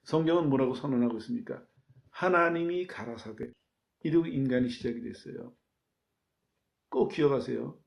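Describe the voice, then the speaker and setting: A man's voice: mid-range voice, a little fast, gravelly, dark tone. A man pastor preaching a sermon, stressing his points with rhetorical questions and repeated key words.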